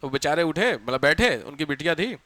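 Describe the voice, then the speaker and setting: Male teacher, a little high, bright and forceful, dry close sound, chatty classroom lecture, quizzes students. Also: very animated, no room sound. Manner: chatty, tells anecdotes, asks students questions; dictates notes slowly.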